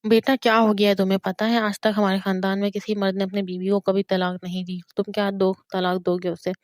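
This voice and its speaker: A woman's voice: medium pitch, flat delivery, fairly quick, darkish tone, dry recording, studio quality, close to an everyday voice. A woman voicing a stern elderly male family patriarch in an audio novel, firm and coaxing.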